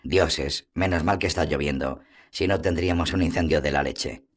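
A man reading a fantasy audiobook, voicing a fussy, indignant male town mayor who shouts orders in exasperation. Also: extremely low pitch, moderate pace. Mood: exasperated.

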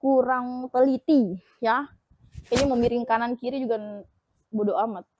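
A young woman hosting an online shop live stream, pitching a product in upbeat, repetitive patter full of pet names for her viewers. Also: fairly even intonation, normal speed, lo-fi sound, a little hiss or hum.

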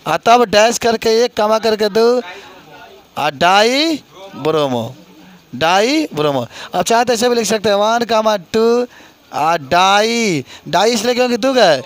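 A man's voice: high voice, normal speed. A middle-aged man with an eastern Uttar Pradesh Hindi accent teaching chemistry to a classroom, quizzing students and repeating their answers with encouragement.

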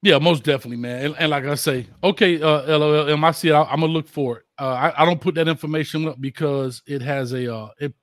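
A man's voice: a little high, steady tone, fast, few pauses, no echo, studio quality. A man hosting a casual sports talk show, blunt and slangy, teasing his guest and reading viewer comments aloud. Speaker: show host.

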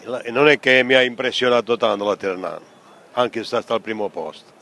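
A man's voice: mid-range voice, a little fast, pushed and bright. Matter-of-fact male football fan. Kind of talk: vox pop interview.

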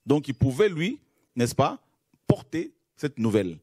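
A man's voice: mid-range voice, very animated, unhurried, mellow, no room sound. Emphatic male preacher, dry close sound. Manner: emphatic, repeats key phrases; addresses listeners as friends. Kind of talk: sermon with Bible reading.

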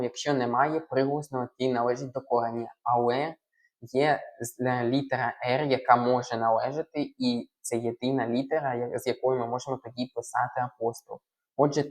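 A male tutor going through exam answers step by step, spelling out letters and sometimes pausing with small hesitations. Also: medium pitch. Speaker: language tutor. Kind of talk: explaining test answers.

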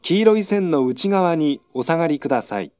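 A man giving a formal train station announcement in measured set phrases. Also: a little high, animated, a little mellow. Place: station platform public address system.

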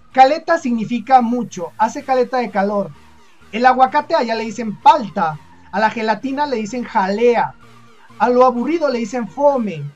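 A woman's voice: on the high side, a little mellow, husky. Chatty Mexican woman explaining accents. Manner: chatty, thinking aloud with fillers. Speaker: video host. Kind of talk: casual explanatory commentary.

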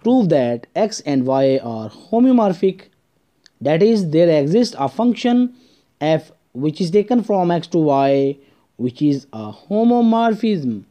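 A man with a Pakistani accent narrating a scripted maths lesson as a teacher, explaining deliberately step by step. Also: a little high, very animated, warm tone. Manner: deliberate step-by-step explaining, switching between English and Urdu.

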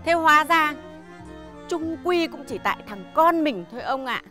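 A woman's voice: sits high, lively intonation, moderate pace, sharp tone, soft background music. A woman playing a stern scolding old lady. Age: older. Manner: scolding, harsh. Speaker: mistress of the house.

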